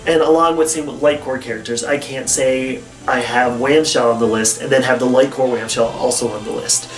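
A young man in his twenties hosts a gaming channel from a small bedroom with posters on the wall, talking casually and animatedly to camera while gesturing with both hands. His mid-range voice comes at a normal speed and sounds nasal as he gets over the flu. A webcam or camera a few feet away gives roomy, distant audio, with faint music behind.

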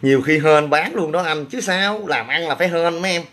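A man's voice: fairly high pitch, animated, brisk, fairly bright tone. A man with a Southern Vietnamese accent, a gym owner chatting casually on a livestream and answering comments with boastful, crude banter.

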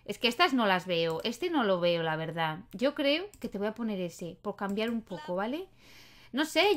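In relaxed Let's Play commentary, a young woman who hosts gaming videos walks through a life-sim, cooing at and scolding her characters like an adoring mom. Her voice is a touch high with a fairly bright tone.

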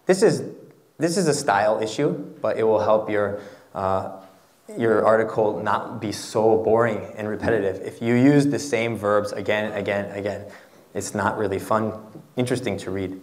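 Male lecturer, instructional and halting. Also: fairly low pitch, darkish tone. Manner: halting, instructional, checks with "okay" and "right". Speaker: lecturer on academic writing. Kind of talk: workshop lecture, explaining slides. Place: lecture hall in front of a seated audience. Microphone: handheld microphone.

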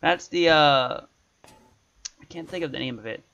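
A man streams a survival game while chatting casually, often trailing off mid-sentence. His voice is fairly high, gravelly, and fairly bright, with a slightly slow pace, and the stream audio sounds dull and lo-fi.

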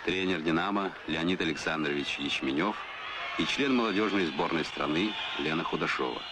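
A man with a deep, low voice reads a scripted newsreel commentary in a measured, announcing way. The sound comes from an old film soundtrack with clear hiss and noise behind him. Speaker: documentary narrator.

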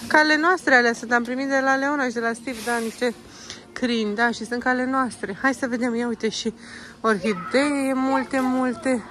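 A woman in her thirties from Romania chats casually to her phone camera as she walks through a busy indoor shopping mall. Her voice sits a touch high, and she keeps turning to gently coax her little one, mixing English phrases into her Romanian. A faint murmur of the mall runs behind her. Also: steady tone, a little hiss or hum. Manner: chatty, coaxing and patient with her child, mixing in English phrases. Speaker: vlogger and mother. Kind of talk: casual walking vlog, talking to camera and child.

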